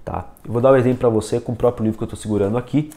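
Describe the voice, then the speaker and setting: A man's voice: mid-range voice, fairly even intonation, rapid-fire, mellow. A man giving a casual video lesson on reading, talking straight to the viewer and demonstrating with a book and pen. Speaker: reading coach.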